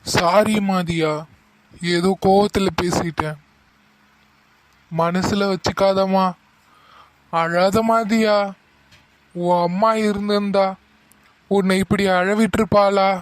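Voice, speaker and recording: A man voicing a stern middle-aged father who scolds and then softly apologizes to his daughter, in a cartoon. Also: high-pitched, takes it slowly, long pauses, no room sound, poor audio. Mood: apologetic. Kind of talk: cartoon voice acting.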